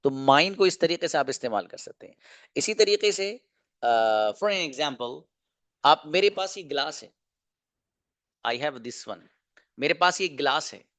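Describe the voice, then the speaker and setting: A man teaching an online English grammar lesson, explaining slowly, repeating examples and asking rhetorical questions. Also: on the high side, expressive, fairly bright tone, no echo.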